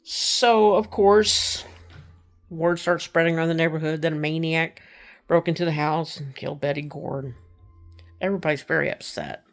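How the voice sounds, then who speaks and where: A woman from Texas tells a true crime story in a chatty, casual way. Her voice sits a little low with a gravelly edge. She acts out the quoted people and sinks into hushed tones. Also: fairly even intonation, normal speed.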